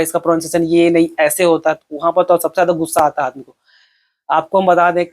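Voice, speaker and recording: A male teacher talks through an exam-prep lesson in a loose, conversational way. He keeps posing questions to the class and answering them himself. English technical terms run through his explanations. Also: high voice.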